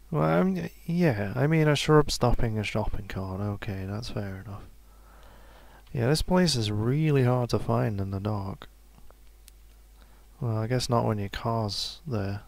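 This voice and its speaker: Slow gravelly man musing over a game. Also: medium pitch, dry recording. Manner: relaxed, musing to himself, laughs softly. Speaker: let's play gamer. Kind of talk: casual gameplay commentary.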